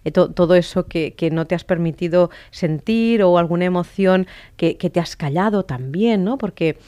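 A woman's voice: lowish voice, moderate pace, dark tone. A middle-aged woman talking casually and reflectively about emotions, musing as she goes. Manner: reflective, many fillers and restarts.

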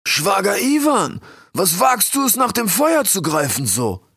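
A pompous eagle king whines and drags his words out in a high, strained voice. His phrasing comes out slightly twisted. The sound is close and dry. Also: wildly swooping pitch, fairly bright tone, husky, dry recording, exaggerated voice. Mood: reproachful. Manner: slow, whiny, odd word order.

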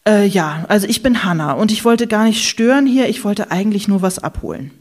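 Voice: mid-range voice, lively intonation, fairly quick. A reader voicing Hanna, a reluctant young woman student who speaks hesitantly and grows irritated.

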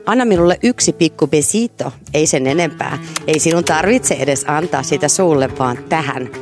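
A woman reading aloud as an aging, ugly man who humbly pleads for a kiss, in a soft voice, from a novel excerpt. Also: a little high, expressive, over music. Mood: pleading.

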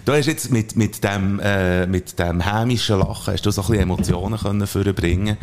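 A man co-hosting a casual chat, brisk with laughing asides. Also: fairly low pitch, noisy background. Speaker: podcast co-host. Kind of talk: casual chat and scene narration.

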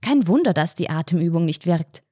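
Fussy squeamish lady on holiday, read by a woman, mellow low voice, dry close sound. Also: animated, brisk, slightly rough, dry recording. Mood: irritated. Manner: fretful, rising to agitated.

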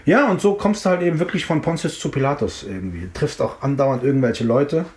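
In a roomy, echoing recording, a hip-hop artist from around Frankfurt, Germany, looks back on the past during a relaxed interview. The middle-aged man talks fast in a voice on the high side, wandering off with many fillers and false starts.

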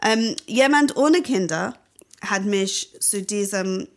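Slow and medium-pitched, this native English speaker from Britain has an English accent. She is a guest in a lively casual chat who also reads her own story aloud, frequently repeating words as she hunts for the right one.

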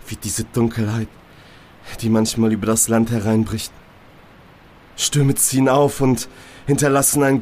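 A man's voice: mid-range voice, slight background noise. A man narrating a grim horror story in a brooding, dramatic first-person reading.

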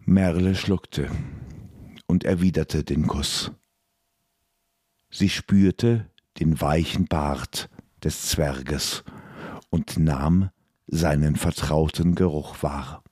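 A man narrating a fantasy audiobook in a measured, dramatic way. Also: extremely low pitch, fairly even intonation, darkish tone, breathy edge, dry recording, clean studio sound.

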